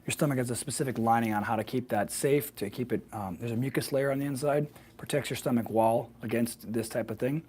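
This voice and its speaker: Slightly hoarse, fast-talking man explaining health. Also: medium pitch, a little mellow, a little hiss or hum. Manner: fluent, explanatory, often checks with "right?" and "okay?". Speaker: health practitioner hosting a weekly wellness video. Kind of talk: informal explainer to camera, live stream.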